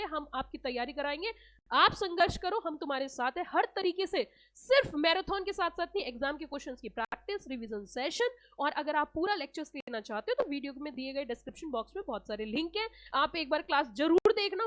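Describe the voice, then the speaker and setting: Casting: high-pitched woman, exam coach, earnest and emphatic, repeats herself for effect. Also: fairly bright tone. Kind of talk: motivational talk to students.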